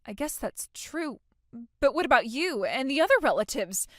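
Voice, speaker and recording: A woman's voice: high-pitched, very animated, normal speed, a bit bright, dry recording, studio quality. A woman playing a self-centered young bride, whiny, oblivious and entitled, in a dramatized story. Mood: sulky disbelief. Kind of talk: dramatized phone-call story dialogue.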